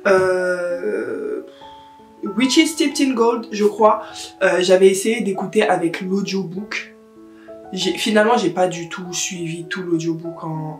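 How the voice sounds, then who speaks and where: A woman talks casually to her viewers as a book vlogger, easy and chatty, dropping English words into her sentences. Her voice rings in a roomy, echoing space. Soft guitar music plays faintly underneath. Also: mid-range voice. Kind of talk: casual chat to camera.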